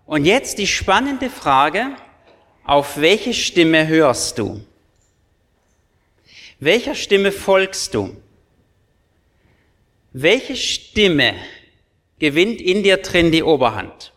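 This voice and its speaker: A male pastor gives an earnest sermon, addressing his listeners directly with emphatic questions. His voice sits somewhat high for a man, and he speaks slowly and deliberately. The church hall lends a long, trailing reverb. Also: big pitch swings, a bit bright. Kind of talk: sermon to confirmands.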